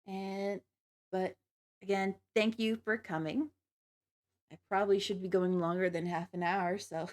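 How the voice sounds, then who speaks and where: A woman's voice: mid-range voice, steady tone, measured pace, darkish tone. A woman livestreamer chatting casually to viewers, with a giggly, apologetic and slightly nervous manner. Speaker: livestreamer, virtual avatar host.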